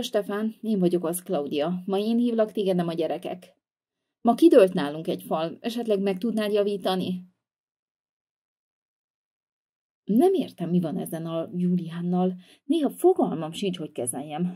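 A woman's voice: on the low side, sing-song, mellow, husky. A woman voicing an exasperated scolding mom. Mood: weary. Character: bossy scolding mother. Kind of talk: toy-figure video voice acting.

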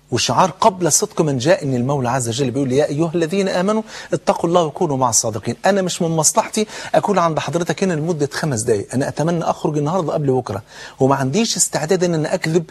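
Fast-talking husky Egyptian preacher in his sixties. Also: on the high side. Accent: Egyptian Arabic. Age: 60s. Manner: storytelling, acts out quoted dialogue, shifts between hushed and raised tones. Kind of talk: religious lecture.

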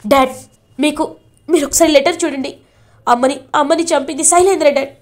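A distraught young man stammers out his words in a high, raised voice, as voiced by a woman. He keeps repeating himself, agitated and grieving. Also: steady tone, brisk, lightly acted.

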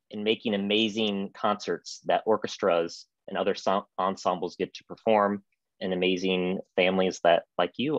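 A man's voice: on the low side, dry recording. Upbeat man moderating a video panel. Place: home room with piano. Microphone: video call, earbuds. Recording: dry, dull video-call audio.

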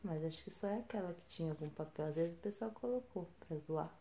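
A woman's voice: on the low side, fast talker, dark tone, a little hiss or hum. A mother with a Brazilian accent filming a casual home vlog, teasing her son and calling out to viewers. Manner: playful, teasing, exclaiming to viewers. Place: home room at night.

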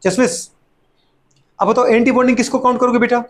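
High-voiced man teaching chemistry, teasing. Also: steady tone. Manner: playful scolding, voices students' replies; fast repeated catchphrases and rhetorical questions. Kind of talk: classroom lecture.

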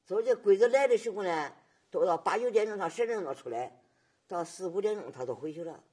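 Husky elderly woman. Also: medium pitch, expressive, darkish tone. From Nanjing, China. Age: 80s. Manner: halting, repetitive storytelling with frequent tag questions. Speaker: survivor giving testimony. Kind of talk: oral history testimony.

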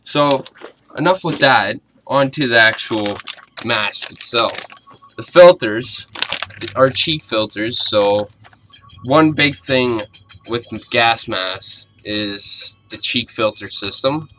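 A man's voice: medium pitch, slow, sharp tone, slight background noise, low-quality recording. A young adult man giving a casual video review in a blunt, informal way. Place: small cluttered bedroom, indoors.

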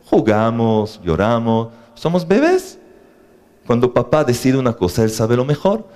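A man's voice: mid-range voice, moderate pace, clear, resonant tone. A man teaching a lesson on faith to a live audience, asking them questions and joking between his points. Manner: animated, asks the audience questions, jokes. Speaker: religious teacher.

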